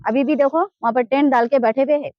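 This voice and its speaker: A woman's voice: sits high, quick pace, dry recording, highs cut off. A woman with a Hyderabadi Urdu accent, giving an urgent, pleading complaint in a street interview. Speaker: interviewee in a land dispute.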